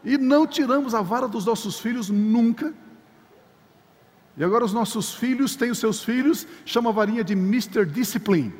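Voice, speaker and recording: A man's voice: extremely high pitch, normal speed, long reverb tail. An older man preaching a sermon as pastor, emphatic and repeating key words for stress. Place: church sanctuary.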